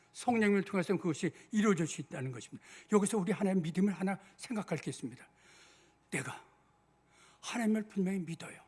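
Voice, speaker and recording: Older pastor preaching, husky and high. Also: male voice, darkish tone. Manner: acts out biblical dialogue in conversational asides. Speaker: senior pastor. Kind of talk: sermon. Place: church sanctuary.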